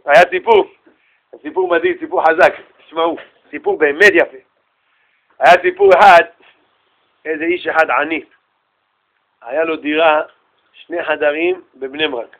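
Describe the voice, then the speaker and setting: Animated high-voiced male storyteller. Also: long pauses, dull audio. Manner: animated, slangy, acts out characters. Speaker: religious storyteller. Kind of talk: lively religious storytelling talk.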